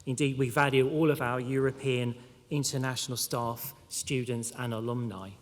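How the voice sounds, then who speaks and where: In a large hall with long reverberation, a university official delivers a graduation speech to graduates. The man's voice is medium-pitched and steady, his pace measured with pauses and occasional fillers, and his accent is non-local, not Mancunian.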